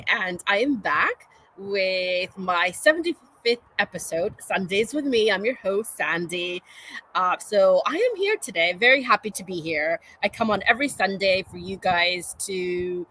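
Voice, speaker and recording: A woman's voice: medium pitch, lively intonation, a little slow, sharp tone, a little hiss or hum, rough recording. A woman hosts a live-streamed interview show, upbeat and chatty, with fillers and restarts. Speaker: host.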